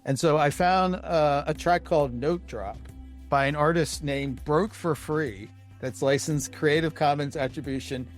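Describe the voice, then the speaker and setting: A man's voice: fairly high pitch, unhurried, faint music behind. A man hosting a podcast interview, chatting casually and rambling with lots of fillers. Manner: rambling, many fillers like "you know". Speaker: podcast host.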